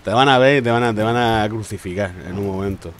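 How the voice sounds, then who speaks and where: A man's voice: on the low side, fast, a little hiss or hum. A man with a Spain Spanish accent giving casual, teasing gaming commentary to his teammates. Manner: playful, teasing, slangy banter. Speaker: gaming streamer.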